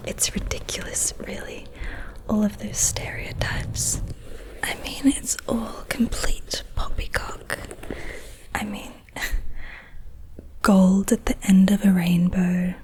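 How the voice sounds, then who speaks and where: A proud, playful storybook leprechaun, acted out by a woman in a whispered role-play. The voice is hushed and very slow, lingering over repeated words with haughty, quaint phrasing. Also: mid-range voice, steady tone, lightly acted. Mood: scoffing. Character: proud, mischievous leprechaun collector of trinkets and treasures.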